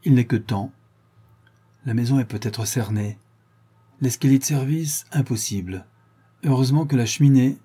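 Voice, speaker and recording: A man reading a cocky, playful gentleman burglar with theatrical, mocking flourishes. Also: medium pitch, normal speed, pauses often, slightly rough, close to an everyday voice. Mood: alarmed.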